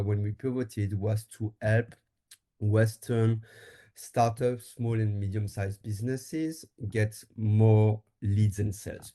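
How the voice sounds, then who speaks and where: A man from France, a marketing agency co-founder, answering interview questions in a relaxed way with frequent fillers and restarts. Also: on the low side. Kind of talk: casual interview talk. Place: Taiwan.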